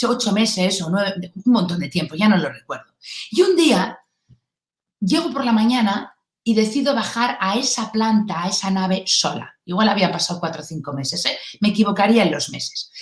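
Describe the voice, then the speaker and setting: Lively woman telling a story. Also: medium pitch. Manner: lively storyteller who acts out dialogue. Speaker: guest. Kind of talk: storytelling in an interview. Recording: roomy echo.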